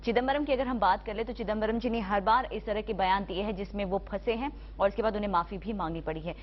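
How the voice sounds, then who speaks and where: A woman anchors a televised debate and puts questions to her guests, pausing often to hesitate along the way. Her voice sits mid-range, and the audio is dull with a faint hiss behind it. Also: mid-range voice. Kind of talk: moderating a TV debate.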